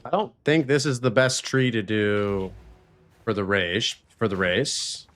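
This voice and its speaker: A man hosts a game live-stream, chatting casually over the gameplay in informal gamer slang. His voice sits on the low side and moves a little slowly. Faint background noise carries quiet game sounds and voices.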